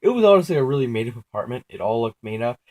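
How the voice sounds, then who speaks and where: A young man casually recounting his dreams in a halting, rambling way, full of filler words, self-corrections and casual swearing. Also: medium pitch, very animated, a little mellow.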